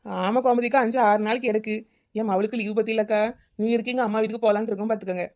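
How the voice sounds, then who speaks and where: Woman doing a chatty silly cartoon housewife, high voice, rattles on fast, kanyakumari tamil accent. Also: steady tone, darkish tone, lightly acted. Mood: wheedling. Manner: chattering, wheedling, repeats the neighbour's name. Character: scatterbrained housewife Chinnaponnu, adult woman. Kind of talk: cartoon comedy dialogue.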